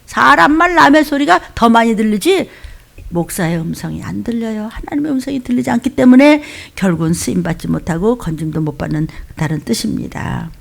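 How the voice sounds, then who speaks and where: A woman pastor preaching a fiery, scolding sermon, swinging from loud outbursts to hushed whispers. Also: a little high, lively intonation, brisk, vocal fry. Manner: mimics churchgoers in mocking quoted voices.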